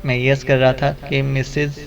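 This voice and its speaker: A man reading the part of a cheeky young photographer who flatters glibly, in an audiobook. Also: medium pitch, creaky, slight background noise, close to an everyday voice. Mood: playful.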